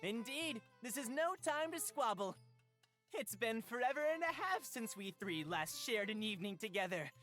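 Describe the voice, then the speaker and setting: A woman's voice: on the high side, sing-song, normal speed, a bit bright, faint music behind. A woman voicing a cheeky male bard who mocks his friends in playful, theatrical, mock-archaic phrasing, read aloud from a visual novel. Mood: teasing. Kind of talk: voice acting while reading a visual novel on stream.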